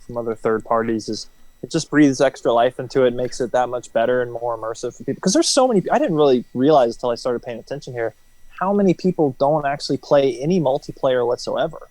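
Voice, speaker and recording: Speaking fast in a medium, darkish voice, this man is an interview guest and former military helicopter pilot who explains things informally, peppering his talk with "you know" and "right?". There's no room sound, and the audio quality is low.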